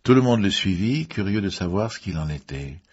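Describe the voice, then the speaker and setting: A man narrating a mystery story in the first person, in a measured reading with occasional fillers. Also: sits low, expressive, a little mellow, husky, lo-fi sound. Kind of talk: audiobook reading.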